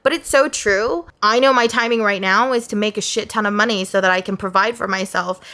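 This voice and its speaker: A woman's voice: mid-range voice, brisk, bright, forceful tone. A woman of thirty answering viewer questions in a casual vlog, talking candidly and filling her sentences with "like". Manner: candid, chatty, fills with "like".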